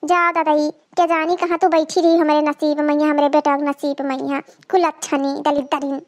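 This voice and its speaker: A woman's voice: high voice, level tone, normal speed, lightly acted. A woman doing a nagging old Awadhi mother-in-law. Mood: scolding. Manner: loud, nagging, complaining. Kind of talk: cartoon comedy voice acting.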